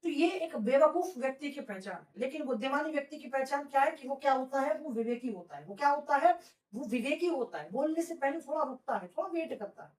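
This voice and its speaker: A woman's voice: sits high, expressive, a little fast, a little mellow, far from the mic. A woman teaching vocabulary to a class, repeating words as drills and asking rhetorical questions. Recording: echoey room, voice off-mic.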